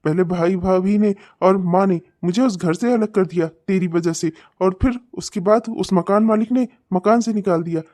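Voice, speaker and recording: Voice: mid-range voice, moderate pace, hardly any pauses, natural voice. A voice actor playing an abusive, short-tempered husband and father in a cartoon, hurling insults and threats. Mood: angry. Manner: shouting insults, snarling and threatening. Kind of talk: cartoon comedy voice acting.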